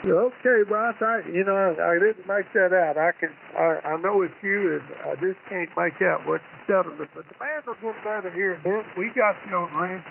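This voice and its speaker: Male net control operator, high-pitched, informal and folksy, on a narrowband single sideband radio signal with faint static. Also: fairly quick, creaky, few pauses. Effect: single sideband radio transmission. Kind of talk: casual radio net check-in chat.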